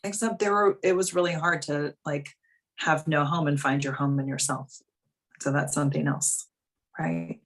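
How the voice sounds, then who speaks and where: A woman in her thirties talks through a live coaching call in a slightly low voice. She is frank and chatty, swears now and then and fills her sentences with "like.". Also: steady tone, normal speed. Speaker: life coach.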